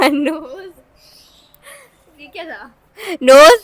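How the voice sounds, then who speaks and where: A woman's voice: high voice, slow pace, fairly bright tone. A woman vlogging casually, coaxing and teaching in a playful manner like a teacher. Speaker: family vlogger. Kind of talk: casual vlog.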